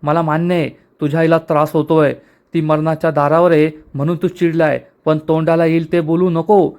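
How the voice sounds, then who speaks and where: A man's voice: a little high, little pitch movement, a little fast, a little mellow, clear, resonant tone, close to an everyday voice. A man reading the lines of a stern elderly patriarch rebuking his son. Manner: commanding, rebuking.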